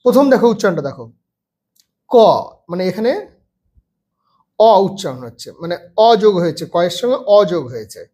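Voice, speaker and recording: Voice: mid-range voice, very animated, a little fast, long pauses, mellow, husky. A teacher patiently explaining a first-grade alphabet lesson, sounding out letters one by one.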